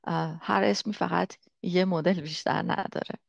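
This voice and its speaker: Woman teaching, low gravelly voice. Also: fairly even intonation, no room sound. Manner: patient, demonstrates sounds slowly and repeats them. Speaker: language teacher. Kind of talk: explanatory language lesson. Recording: dull, dry lo-fi recording.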